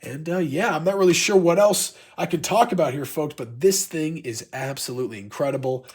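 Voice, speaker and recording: Male unboxing reviewer, congested and sick, husky, blocked-nose sound, chatty rambling fan enthusiasm. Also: a little high, fairly quick, darkish tone. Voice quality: congested, stuffy-nosed. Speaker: YouTube toy collector and reviewer.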